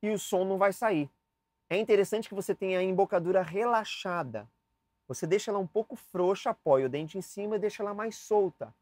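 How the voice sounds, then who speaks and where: A man's voice: high voice, a little fast, darkish tone, dry recording. A young man teaching saxophone basics in a casual, chatty way, demonstrating and talking straight to the viewer. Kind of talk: casual instructional lesson. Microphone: camera mic, switching cameras.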